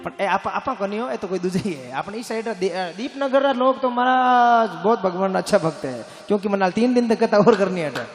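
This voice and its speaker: A man with a Rajasthani accent telling a devotional story, alternating sung bhajans with animated preaching to a crowd. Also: high voice, brisk, few pauses. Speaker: religious storyteller. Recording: echoey hall with music.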